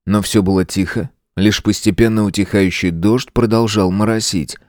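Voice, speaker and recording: A man narrating an audiobook thriller in a measured, tense storytelling manner. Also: fairly low pitch, fairly even intonation, a little mellow, dry recording, clean studio sound.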